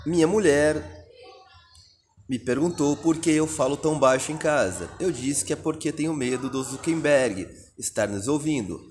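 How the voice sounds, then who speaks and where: A man's voice: fairly high pitch, moderate pace, darkish tone, faint music behind. Methodical Brazilian man teaching. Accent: Brazilian Portuguese. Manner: methodical, reads answer options aloud and explains each. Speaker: exam prep teacher. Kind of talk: recorded video lesson.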